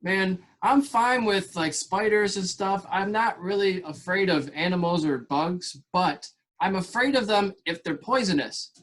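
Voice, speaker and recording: A man hosting a podcast with a voice pitched a bit high for a man. He talks in a casual, easygoing way and often lets his thoughts trail off. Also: unhurried, hardly any pauses, fairly bright tone. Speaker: podcast host. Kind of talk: casual interview chat.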